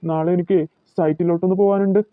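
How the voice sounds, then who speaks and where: Male actor as a cartoon husband and uncle, high-pitched, dry and tinny dub. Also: flat delivery, quick pace, no echo, close to an everyday voice. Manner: puzzled musing, talking to himself. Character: adult man, an uncle and husband. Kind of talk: cartoon voice acting. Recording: tinny phone-like dry recording.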